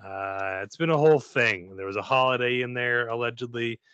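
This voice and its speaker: A man's voice: mid-range voice, steady tone, moderate pace, a bit bright, clean tone, no room sound, highs cut off. A man hosting a podcast, introducing the crew in a jokey, showman-like way and apologizing playfully. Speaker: podcast host. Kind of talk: casual podcast chat.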